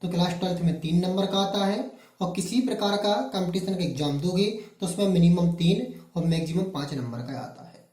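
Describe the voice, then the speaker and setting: A man's voice: high voice, fairly quick, darkish tone. A male teacher from Madhya Pradesh, India, giving a classroom-style grammar lesson. He asks questions and answers them himself, repeating the key words. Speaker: English teacher. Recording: echoey room.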